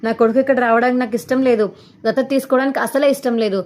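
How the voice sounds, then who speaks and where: A woman's voice: a little high, steady tone, racing, a little mellow, lightly acted. A woman telling a serial's story, voicing a young wife who begs her mother and co-sister to keep her secret. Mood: pleading. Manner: pleading. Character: young wife hiding a secret son, pleading then snapping.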